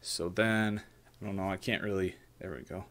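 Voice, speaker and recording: A thirty-something maker talks through a 3D modeling project in an offhand screen-share tutorial from a small home room, restarting freely and asking "right?" along the way. His voice sits low yet forward and crisp, fairly bright in tone, steady, and at normal speed, with slight background noise.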